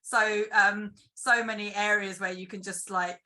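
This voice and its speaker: A woman's voice: medium pitch, flat delivery, unhurried, pushed and bright. A British woman screenwriter chatting casually in an interview over a video call, thinking aloud with lots of fillers. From United Kingdom. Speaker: guest screenwriter.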